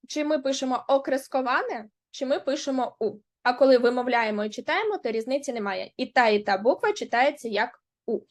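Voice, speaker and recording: A woman teaching the Polish alphabet to beginners, going slowly and repeating each letter and word. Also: high-pitched. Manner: slow, deliberate, repeats letters and words; switches between Ukrainian and Polish. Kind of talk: slow beginner lesson on the alphabet.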